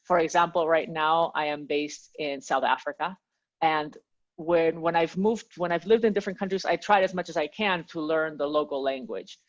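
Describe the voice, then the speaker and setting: Low-voiced woman from Peru, lo-fi. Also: normal speed. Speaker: guest, language teacher. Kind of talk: casual interview chat.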